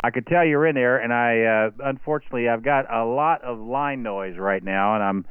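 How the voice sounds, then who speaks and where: A man's voice: medium pitch, fairly quick, heavy background noise. A man working as an amateur radio net controller over two-way radio, calling stations in marine-radio style with call signs and folksy, informal, hesitant phrasing. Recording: thin phone-like shortwave radio audio.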